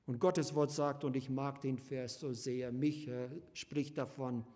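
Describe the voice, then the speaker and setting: A man preaching a sermon, swinging between loud emphasis and hushed, slow passages as he addresses his listeners fondly. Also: mid-range voice, fairly even intonation. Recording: long hall reverb.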